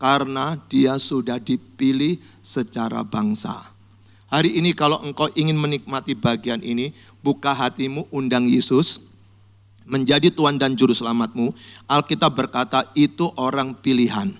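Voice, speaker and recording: A male pastor preaching a sermon, telling Bible stories vividly and acting out people's cries for help in a high voice. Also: moderate pace. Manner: lively storytelling, acts out cries in a high voice. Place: church.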